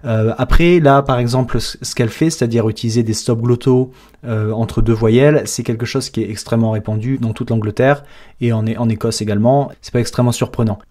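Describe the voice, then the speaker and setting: A man's voice: medium pitch, fairly even intonation, brisk, dark tone. A French-speaking man coaching English pronunciation, breaking down each sound step by step in an explanatory lesson.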